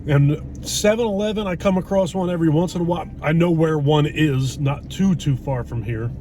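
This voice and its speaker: Higher-pitched man in noisy car. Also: a little fast, dark tone. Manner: blunt, mildly profane, rambling. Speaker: food vlog host. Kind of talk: casual chat. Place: inside a parked car in a driveway. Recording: noisy car interior with road hum.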